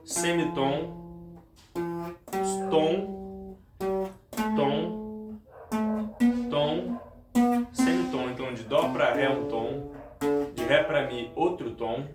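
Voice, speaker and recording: Male guitar teacher, mid-pitched, talks viewers through scales, echoey room with soft guitar. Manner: explains step by step, repeats key points, addresses viewers directly. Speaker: music teacher. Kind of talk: guitar lesson. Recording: roomy, with guitar playing.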